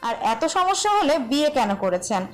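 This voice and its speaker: A woman voicing a feisty, sharp-tongued young bride who argues back defiantly, over background music. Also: high voice, very animated, moderate pace. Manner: defiant, quarrelsome.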